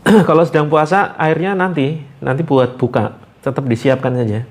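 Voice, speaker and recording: A man hosting a live spiritual therapy session, giving gentle instructions with light jokes. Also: a little high.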